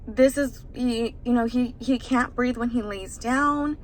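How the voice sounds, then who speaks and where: A young new mother tells a vlog story casually, rambling and emotional with lots of fillers, still stressed and shaken. Her voice is a little high and unhurried. The recording is rough with slight background noise.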